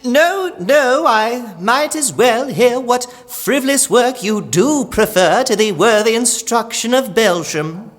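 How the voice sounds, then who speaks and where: A woman's voice: fairly high pitch, expressive, big-room sound, faint music behind. A woman playing a stern, scolding old great-aunt in a period audio play, imperious and prim. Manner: imperious, prim, drawn-out delivery.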